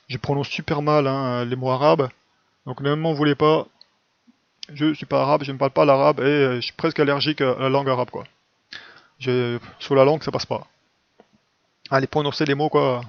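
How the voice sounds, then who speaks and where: A medium-pitched man teaching in a religious video explains his point in everyday, lecturing speech, often adding "hein" and "quoi." Recorded dry and close, the sound is a little dull and lo-fi.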